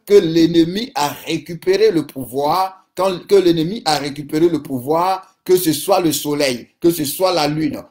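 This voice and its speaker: A man's voice: a little high, a little mellow. A man preaching a sermon and leading prayer, fervent, with repeated declarations and frequent interjections.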